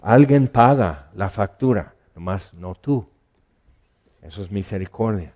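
A man's voice: lowish voice, expressive, unhurried, darkish tone, dull audio. A man preaching a sermon in a conversational way, asking the listeners questions.

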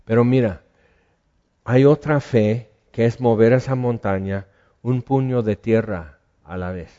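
A man's voice: mid-range voice, unhurried, mellow, muffled recording. A man preaching a sermon in a conversational way, asking the listeners questions.

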